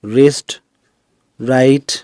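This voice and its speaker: A man teaching English pronunciation in a recorded lesson, explaining slowly and listing example words one by one. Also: mid-range voice, fairly even intonation, darkish tone, dry recording. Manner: explains slowly, repeats terms in Hindi and English.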